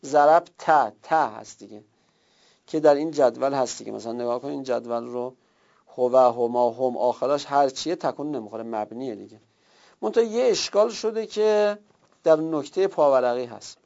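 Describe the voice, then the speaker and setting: A man's voice: medium pitch, gravelly, darkish tone. A man teaching a classroom grammar lesson, explaining step by step and repeating himself for emphasis. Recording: dull lo-fi recording.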